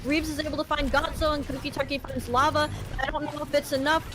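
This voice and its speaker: High-voiced woman casting an esports match. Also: level tone, fast talker. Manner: playful, giggly banter. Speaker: esports caster. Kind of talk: live esports commentary.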